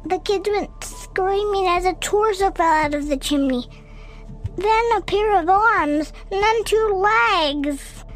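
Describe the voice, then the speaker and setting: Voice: very high-pitched, slow, fairly bright tone, soft background music. A young host narrating a scary story for kids, dramatic and dropping into whispers for the creepy parts.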